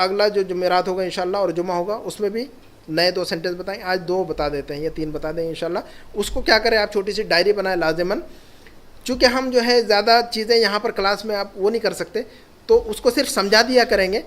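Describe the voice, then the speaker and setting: A man's voice: sits high, a bit bright. A man teaching a classroom lesson as an Arabic teacher, encouraging his students and repeating key points.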